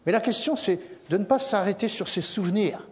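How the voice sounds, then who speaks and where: A middle-aged man preaches a sermon, his voice sitting a bit high for a man. He tells stories in a lively way, acts out what people say and drops in humorous asides. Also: brisk, slight background noise. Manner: lively storytelling, acting out quotes with humorous asides. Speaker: pastor.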